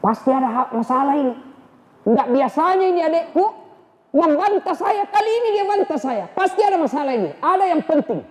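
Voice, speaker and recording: Preacher doing an angry young warrior, high strained shouting, swings in pitch. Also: male voice, big pitch swings, brisk. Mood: indignant. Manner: shouting, indignant. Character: hot-tempered young male warrior, furious. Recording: echoey hall.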